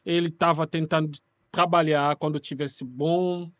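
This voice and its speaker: Speaking slowly and with fairly even intonation, the man has a slightly high, somewhat bright voice, captured without echo and with the highs cut off. He is an interview guest and refugee rights activist from Kinshasa in the DR Congo, a native speaker of Congolese languages such as Lingala, explaining in non-native, loosely grammatical Portuguese with a Congolese accent.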